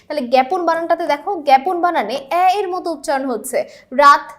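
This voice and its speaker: A young woman with a high, light voice teaches a lesson. She explains each point patiently and keeps checking whether her students follow. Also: quick pace, a bit bright. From Bangladesh. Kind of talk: classroom lesson explaining exam questions.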